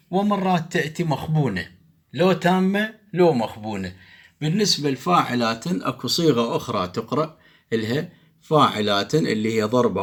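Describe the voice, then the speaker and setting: Man lecturing, chanting verse rhythms. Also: medium pitch. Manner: chants meter syllables rhythmically. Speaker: professor. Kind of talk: lecture on poetic meter.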